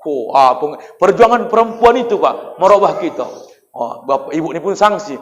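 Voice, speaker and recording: A man with a Medan accent preaches in a mosque with a high voice that carries a long echo through the hall. He keeps the sermon light, acts out bits of dialogue and turns to ask the men and women in the audience direct questions. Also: expressive, normal speed, slight background noise. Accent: Medan Indonesian. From Indonesia. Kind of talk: humorous sermon.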